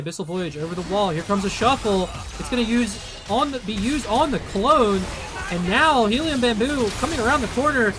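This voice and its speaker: A hoarse man calling live esports play-by-play, excitable and quick in his calls. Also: high-pitched. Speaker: esports caster.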